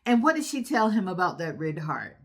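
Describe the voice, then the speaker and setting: In a lowish, sing-song voice that moves a little fast, a woman leading a children's storytime goes back over the tale. She asks the little ones questions, guiding them in a warm, teaching manner.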